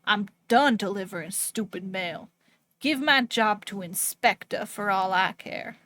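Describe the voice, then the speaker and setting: A woman's voice: mid-range voice, measured pace, sharp tone. Woman doing a sneering letter-writing villain. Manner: sneering, mocking. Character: scornful villain writing a cruel farewell letter.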